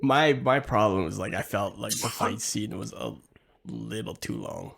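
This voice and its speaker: A man's voice: fairly low pitch, animated, measured pace, vocal fry, fairly bright tone. A man co-hosting a casual movie review podcast, talking hesitantly with many fillers. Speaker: podcast co-host.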